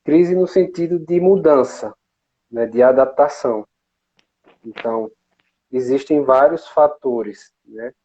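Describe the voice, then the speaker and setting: Mellow-voiced man on a dull stream. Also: mid-range voice, slow pace, long pauses. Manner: hesitant, many restarts and "né?". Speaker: panelist in a live talk. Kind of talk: casual live talk on emotions. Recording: dull lo-fi live stream audio.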